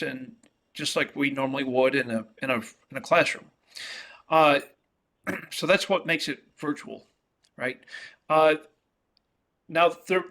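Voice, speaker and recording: An economics professor from New York, whose first language is Italian, lectures a virtual class in a New York accent over a video call microphone. His voice is a little high with a sharp tone, and his delivery halts, full of fillers and restarts.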